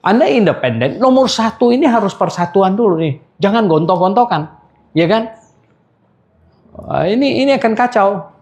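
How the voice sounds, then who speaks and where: Older male pastor, gravelly voice on the higher side, chatty sermon with jokes and questions to the congregation. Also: a little mellow. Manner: chatty storytelling with laughs and call-and-response. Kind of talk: anniversary sermon.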